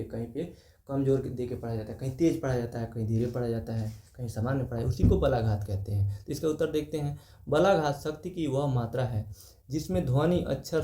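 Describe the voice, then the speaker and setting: Male teacher, exam-prep lecture; patient step-by-step explainer, mellow tone, echoey room. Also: mid-range voice. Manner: explains step by step, repeats key terms, points at the page.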